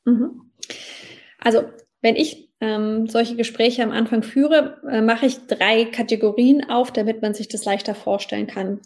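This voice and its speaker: Eine Frau mit deutschem Akzent, die als Expertin in einem Interview spontan und erklärend antwortet, mit vielen „ähm“. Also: female voice, a little high, steady tone, a little slow, a little mellow. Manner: many fillers, explanatory and thoughtful. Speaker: blockchain expert guest.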